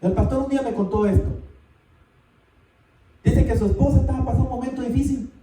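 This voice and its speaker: A man preaching a sermon, animated and calling out to the congregation often. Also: very high voice, a little fast, background noise. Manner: animated, calls out "hermano" often. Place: church sanctuary. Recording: echoey church from far off.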